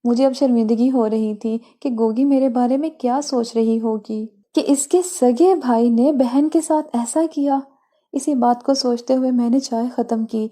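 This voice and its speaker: A woman narrating a first-person story at an even, unhurried pace and reading out the dialogue. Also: fairly high pitch.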